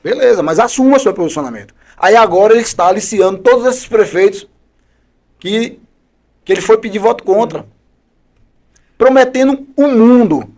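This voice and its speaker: A man with a high-pitched voice speaks as a politician guest on a podcast. He argues combatively and hammers his points home with rhetorical questions. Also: animated, normal speed, pauses often, darkish tone. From Bahia, Brazil. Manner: combative, emphatic criticism with repeated rhetorical questions. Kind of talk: podcast interview.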